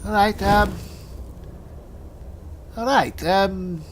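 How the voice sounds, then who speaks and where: With a high-sitting voice and a very slow pace, a man hosts a gaming video, politely playing a character while musing over the in-game descriptions he reads aloud. It's roleplay mixed with game commentary, and a little hiss or hum sits in the recording.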